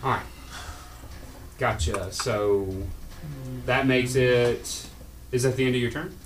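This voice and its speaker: A man's voice: mid-range voice, fairly even intonation, slow pace. A man speaking informally as game master, narrating a tabletop role-playing game casually. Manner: informal, profane. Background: background noise, combat ambience.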